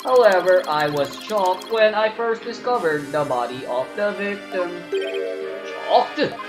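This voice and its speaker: A woman voicing a terse male bomb expert who talks through a text-to-speech voice, clipped and flat, in a voiced game playthrough. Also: fairly low pitch, unhurried, voice pushed up. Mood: flat robotic. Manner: clipped, flat, word-by-word delivery. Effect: imitated robotic text-to-speech voice. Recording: echoey room with game music.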